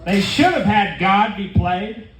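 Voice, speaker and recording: A man doing deadpan stand-up storytelling with conversational asides to the crowd, at a comedy venue. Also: high-pitched, takes it slowly, slight background noise. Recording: echoey room, distant mic, faint ambience.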